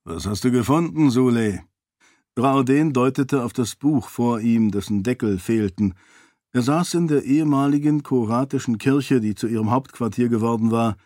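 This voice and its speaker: A man reading a fantasy audiobook in a measured, clear storytelling manner. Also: medium pitch, darkish tone, no room sound, clean studio sound. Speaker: audiobook narrator. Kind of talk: scripted fantasy narration.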